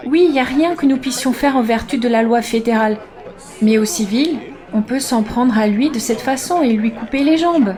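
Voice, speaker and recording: High-voiced, offhand intelligence contractor played by a woman. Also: normal speed, darkish tone, a faint crowd, lightly acted. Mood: matter-of-fact. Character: candid, matter-of-fact intelligence contractor. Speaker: voice-over dub of an interviewee.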